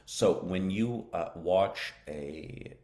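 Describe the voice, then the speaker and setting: A man's voice: sits low, very slow, a little mellow. A man teaching a lesson on a live stream. He talks casually, answers viewer questions, drops in Arabic words, and often checks with "okay?".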